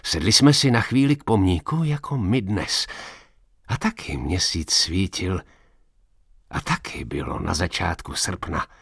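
A man voicing an old quarry worker who talks in a hushed, confiding way about ghostly visions, in a storybook reading. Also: low voice, vocal fry, husky, dry recording, studio quality, exaggerated voice. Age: older. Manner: hushed, confiding, rising to urgent.

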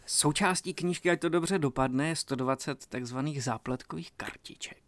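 A man, an author and creative writing tutor, explaining his ideas in a radio studio interview, measured and hesitant with many fillers and restarts. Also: fairly high pitch, fairly bright tone.

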